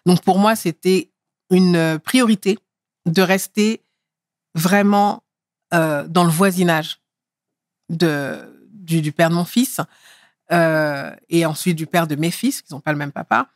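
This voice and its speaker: A middle-aged actress from France speaking in a relaxed interview, lively and emphatic as she tells her story. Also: fairly low pitch, slow pace, dry recording, clean studio sound. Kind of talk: casual interview talk.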